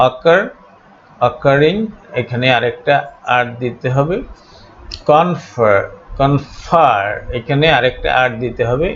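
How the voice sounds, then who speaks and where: A man teaching an English grammar lesson, speaking deliberately, spelling out letters and pausing on frequent fillers. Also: medium pitch, creaky, highs cut off, slight background noise.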